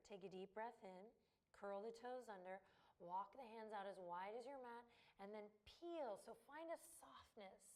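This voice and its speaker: A young adult woman leading a yoga class, giving calm, encouraging cues timed to the breath, with a light laugh now and then. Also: medium pitch. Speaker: yoga teacher. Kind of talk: guided yoga class instruction.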